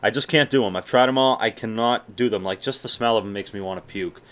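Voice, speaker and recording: A fairly low, fairly bright male voice moves at a quick pace. The young adult from Massachusetts has a mild Boston accent tinged with general American and curses a lot while casually fielding viewer questions in a Q&A vlog.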